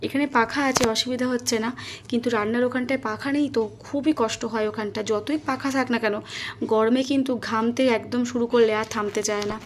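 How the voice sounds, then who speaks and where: In a relaxed home vlog, a woman with a fairly high-pitched voice talks directly to her viewers, chatting away as she works through her daily chores in the kitchen and up on the rooftop. A slight hiss or hum runs underneath.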